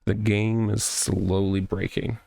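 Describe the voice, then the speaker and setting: A let's play host offers casual, wry commentary while gaming, muttering exclamations and reading game text aloud over game music. His voice is lowish, flat, slow, gravelly, and darkish in tone, with no room sound.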